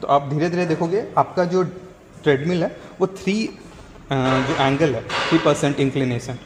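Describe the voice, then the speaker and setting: A young man on a clip-on mic, patiently walking through how things work in a gym. His voice sits a little high for a man, and the room rings with a long echo and a faint hum of ambience behind him. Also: moderate pace. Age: young adult. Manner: steady instructive tone, mixing in English words. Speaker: gym member. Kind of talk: on-camera explaining, casual. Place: indoor gym. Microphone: lapel mic.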